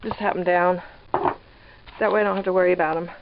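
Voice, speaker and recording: A woman giving rambling, hesitant, casual vlog commentary from inside a small trailer, pausing mid-sentence. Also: fairly low pitch, fairly even intonation. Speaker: vlogger living off grid in a trailer. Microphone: handheld camera microphone. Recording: dull lo-fi camera audio, background noise.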